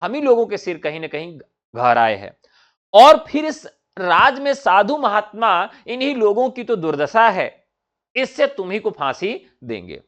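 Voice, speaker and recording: A man's voice: high-pitched, very animated, measured pace, a bit bright, exaggerated voice. A man reading the part of a blunt constable who scolds curtly. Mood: gruff. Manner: curt, scolding. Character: gruff male constable, blunt and bossy. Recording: dull lo-fi recording.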